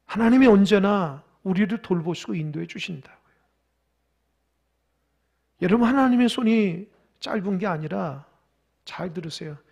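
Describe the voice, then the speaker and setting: Male pastor, sermon, very high voice with gravel, shifts from hushed to loud, leads group reading. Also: expressive, moderate pace, pauses often, highs cut off. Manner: swings between soft near-whispers and loud emphatic appeals; leads congregation in call-and-response reading.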